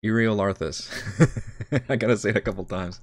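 A man's voice: lowish voice, steady tone, very fast, husky, no room sound, clean studio sound. A man running a tabletop campaign, chatting casually and rambling, poking fun at himself and swearing now and then. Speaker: dungeon master. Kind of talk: casual livestream chat while prepping a game.

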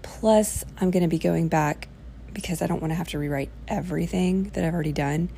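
Gravelly-edged woman, rambling informally. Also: lowish voice, a little fast, warm tone, a little hiss or hum. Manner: rambling, thinking aloud. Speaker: workshop presenter. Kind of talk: informal self-help workshop talk.

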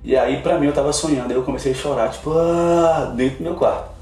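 A man's voice: mid-range voice, steady tone, rapid-fire, darkish tone. A man, a guest missionary sharing an emotional personal testimony in a podcast interview. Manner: earnest, emotional storytelling. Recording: roomy, distant mic, faint music.

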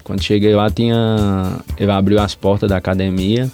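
A man's voice: fairly low pitch, little pitch movement, moderate pace, a little mellow, soft background music. A man from Paraíba, a podcast guest telling a long story in a rambling, casual way. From Paraíba, Brazil. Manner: rambling, with frequent "entendeu?" and "velho".

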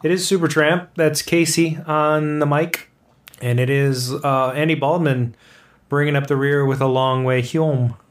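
Male quiz host, slightly higher pitch, relaxed and unscripted conversational delivery. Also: a little slow, noisy background. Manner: casual, easygoing chat. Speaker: host of a music quiz show. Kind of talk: natural unscripted talk.

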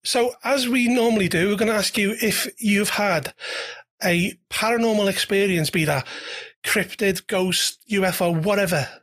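A podcast host asking a guest quick-fire questions, teasing and laughing often. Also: medium pitch, fairly bright tone. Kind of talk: casual interview chat.

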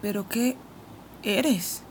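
A woman's voice: mid-range voice, extremely slow, a little hiss or hum. A woman reading as a cold, haughty queen. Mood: imperious. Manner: haughty, impatient questioning. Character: cold imperious queen, commanding and suspicious. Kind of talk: audiobook character reading.

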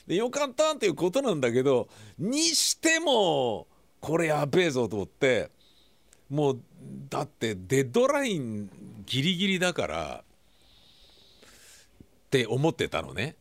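Animated Japanese man hosting a radio show. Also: on the high side, normal speed, no room sound. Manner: mock-serious mission briefing read in a stern voice, then chatty and animated. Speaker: podcast host. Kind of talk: casual solo radio talk. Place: small studio.

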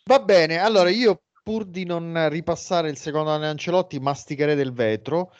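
A man hosts a casual football podcast with humour. His voice is on the high side, recorded very dry and slightly dull. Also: no echo. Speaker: podcast host. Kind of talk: casual humorous football chat.

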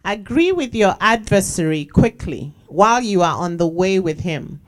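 A woman from the congregation reading a scripture passage aloud at a steady pace. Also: mid-range voice, normal speed, low-quality recording.

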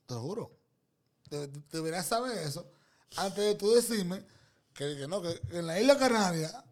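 A man's voice: high-pitched, expressive, moderate pace, a little mellow. A man hosting a casual chat, teasing and cracking crude jokes. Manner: crude, teasing, boisterous banter.

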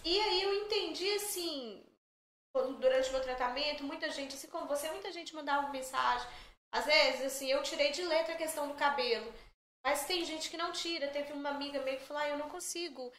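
A middle-aged woman guesting on a podcast tells stories in a chatty, jokey, animated way. Her voice is high-pitched and a little fast, recorded in an echoey room with faint background noise.

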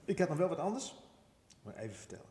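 A man's voice: on the high side, sing-song, racing, very noisy. A Dutch man from Groningen, co-hosting a casual podcast with laid-back, jokey banter. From Groningen, Netherlands. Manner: laughs often, easygoing banter. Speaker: podcast co-host, physiotherapist. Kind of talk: casual chat. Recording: room with long reverb.

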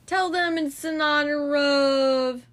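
A woman voicing a gentle, courteous gentleman in a storybook. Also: sits high, steady tone, slow, pitched above the performer's own voice. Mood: kindly. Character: kindly gentleman.

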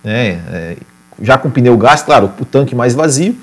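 A man with a Brazilian accent giving casual motorsport commentary, telling race stories in an animated way and often repeating words and adding tag questions. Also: mid-range voice, normal speed. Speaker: motorsport podcast or stream host.

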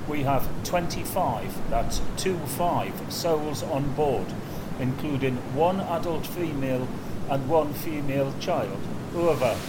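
A man playing a calm ship captain who sends a distress call in clipped radio procedure. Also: a little high, slow. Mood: steady. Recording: heavy background hiss.

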